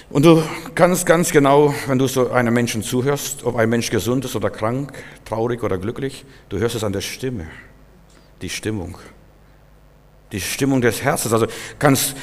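Emphatic German preacher in a reverberant hall. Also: male voice. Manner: emphatic, swinging from loud outbursts to low asides; addresses listeners directly, repeats key words. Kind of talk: sermon to a congregation. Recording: long hall reverb of a church.

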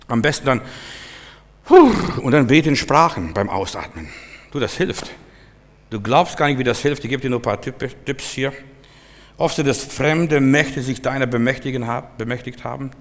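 An older man delivers a charismatic sermon in a reverberant hall, his voice set at an ordinary middle pitch. He drops into hushed, confiding asides, then climbs into loud, forceful commands. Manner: swings between soft, low asides and loud, forceful commands. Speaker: preacher.

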